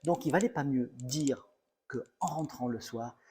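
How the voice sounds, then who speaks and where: A man's voice: mid-range voice, unhurried, warm tone, a little hiss or hum. A middle-aged male comedian telling a self-mocking story in a mock-serious, playfully exaggerated comic monologue.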